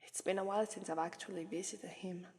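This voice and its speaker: Voicing a shy, affectionate young demon princess bride in ASMR roleplay, an Italian voice actress with an Italian accent sounds wistful. Her lowish voice has a breathy edge and fairly even intonation and moves briskly, though she stays gentle and soft, often whispers, and falters and restarts when nervous. There's no echo.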